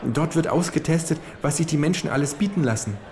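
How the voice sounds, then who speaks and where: Man doing a stammering falsetto fat executive. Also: brisk, a little mellow, close to an everyday voice. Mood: eager, flustered. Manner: stammering, repeats words. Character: small fat fawning male food executive.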